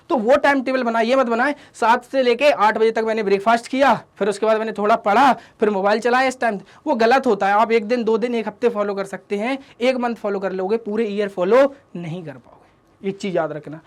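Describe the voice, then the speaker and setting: Fast-talking fatherly teacher man. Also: extremely high pitch. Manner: scolding and fatherly, addresses listeners as "beta", asks rhetorical questions; mixes English catchphrases into the lesson. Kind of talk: motivational study talk to students.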